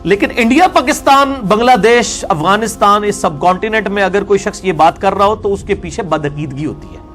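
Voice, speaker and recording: A man's voice: high-pitched, animated, a bit bright, faint music behind. A man lecturing on scripture as a religious scholar, explaining verse by verse in a combative way.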